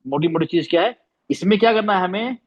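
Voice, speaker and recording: Teaching an online Quran recitation lesson by video call, a man patiently explains, repeats terms and models the sounds. His voice sits high and moves at a quick pace, and the recording's high frequencies are cut off.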